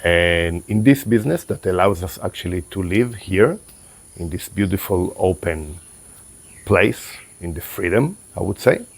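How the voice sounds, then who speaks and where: This is a slow, reflective talk to camera from a qigong and tai chi teacher whose native tongue is Hebrew. His very deep voice is creaky and a bit closed from meditating, and he stays unhurried, stopping and restarting to collect his thoughts. Insects chirp gently in the background.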